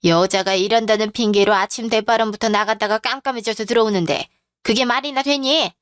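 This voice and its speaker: A woman voicing a domineering, sharp-tongued older mother-in-law in a radio drama, with a scolding manner. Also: a little high, steady tone, fairly quick, no echo, clean studio sound, close to an everyday voice.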